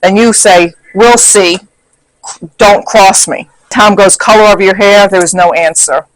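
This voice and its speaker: A man's voice: high-pitched, steady tone, a little slow, fairly bright tone, dry recording, poor audio. A man recapping a paranormal investigation in casual talk, reading back questions and answers from his notes.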